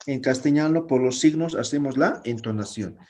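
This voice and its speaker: A man's voice: medium pitch, normal speed, darkish tone, a little hiss or hum. A man teaching a language class online, explaining patiently and often checking that his students follow.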